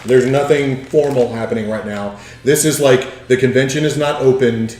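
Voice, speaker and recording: A man's voice: medium pitch, steady tone, normal speed, darkish tone. A man running a tabletop role-playing game, narrating scenes and answering players as game master. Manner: clears throat often. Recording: roomy echo, faint music behind. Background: faint music.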